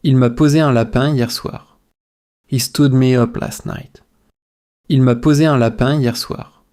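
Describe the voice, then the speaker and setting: Here a male teacher works through language drills for shadowing practice, repeating each phrase in a measured way. He has a mellow, steady, mid-range voice.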